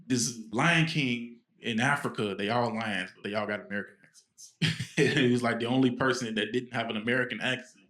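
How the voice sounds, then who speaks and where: A man's voice: mid-range voice, brisk, a bit bright. A man co-hosting a podcast, telling a story in a rambling, casual way with many fillers and restarts. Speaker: podcast co-host.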